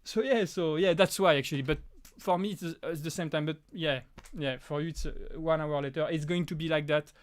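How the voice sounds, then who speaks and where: A man's voice: a little high, fairly even intonation, fairly quick, hardly any pauses. A young man, not a native English speaker, hosting a live stream Q&A and explaining things with frequent restarts. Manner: hesitant, restarts often. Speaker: host.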